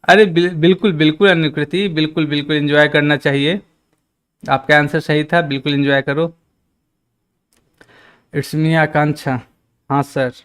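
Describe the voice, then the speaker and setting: A man's voice: fairly high pitch, fairly even intonation, moderate pace, fairly bright tone, clean tone. A man teaching a live-streamed maths lesson, working through problems step by step and talking with viewers in the chat. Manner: chatty teacher, reads out and teases chat.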